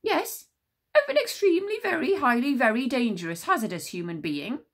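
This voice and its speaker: Woman reading a fussy druid commander, pompous, frantic, shrill at the peaks, storybook reading. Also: big pitch swings, normal speed. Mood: emphatic.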